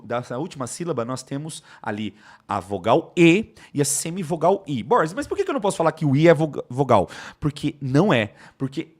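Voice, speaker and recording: A lively man with a Brazilian Portuguese accent is teaching a live online class. His pitch rises and falls a lot as he explains grammar rules. He keeps asking himself questions and answering them. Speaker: Portuguese teacher for exam prep.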